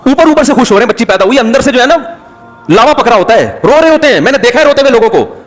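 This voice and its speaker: A man's voice: very high voice, expressive, soft background music. A man giving a religious talk as a cleric, emphatic and impassioned, often scolding his listeners. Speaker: Islamic cleric.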